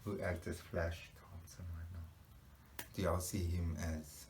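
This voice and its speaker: Deep-voiced man, casual reaction host, thinking aloud, faint background noise. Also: level tone, takes it slowly, a little mellow. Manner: musing, rhetorical questions, frequent fillers and laughs.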